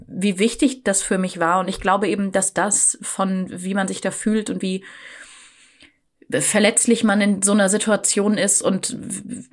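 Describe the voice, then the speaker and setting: Reflective woman in casual talk. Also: mid-range voice. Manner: reflective, hesitant, many fillers and restarts. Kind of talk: casual conversation.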